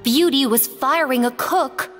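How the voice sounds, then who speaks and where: A woman narrating a children's fairy tale in a gentle, expressive read-aloud manner. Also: high-pitched, a little slow, long reverb tail, soft background music. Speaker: storyteller.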